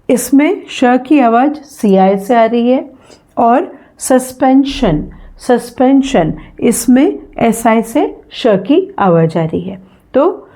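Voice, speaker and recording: A woman teaching an English phonetics revision lesson in Hindi. She speaks patiently, with an Indian English accent, says words again slowly, and often checks in with "है ना". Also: a little high, mellow.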